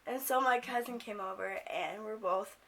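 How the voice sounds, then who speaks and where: A young American woman with a raspy, smoker-like voice from a cold, telling a story casually in a rambling, sweary way. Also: medium pitch, moderate pace, a bit bright. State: sick with a cold, coughing. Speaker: video blogger.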